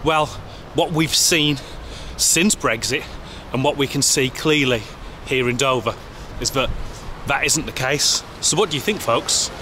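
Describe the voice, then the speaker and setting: A man's voice: medium pitch, a little slow, few pauses, pushed and bright. Chatty male vlogger outdoors. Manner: chatty, friendly questioning. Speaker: travel vlogger and host. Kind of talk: casual vlog narration and street interviews. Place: outdoors on town streets. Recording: outdoor street noise with traffic.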